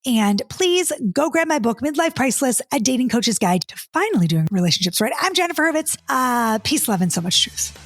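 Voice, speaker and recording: A woman in her 50s who coaches on dating hosts a solo podcast, exasperatedly chatting through listener comments she reads out before answering, with stumbles and restarts along the way. Her high-sitting voice swings widely in pitch and moves fairly quickly. Studio quality, no room sound.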